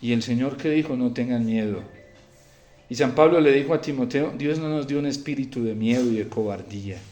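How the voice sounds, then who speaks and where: A man preaching a Sunday homily as a priest, swinging between quiet, grave passages and loud, fervent ones. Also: medium pitch, reverberant. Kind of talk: sermon.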